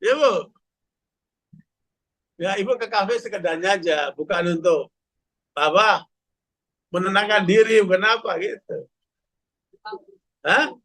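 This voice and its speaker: A man preaching to a women's study group, animated and full of rhetorical questions, often calling out to his listeners. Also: high-pitched, a little slow, long pauses. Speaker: Islamic preacher.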